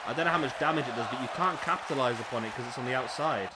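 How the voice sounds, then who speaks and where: Over a loud crowd and a very noisy mix, a man racing along in a mid-range, slightly raspy voice commentates a wrestling video game play-by-play. Big moves excite him, and he chats in asides.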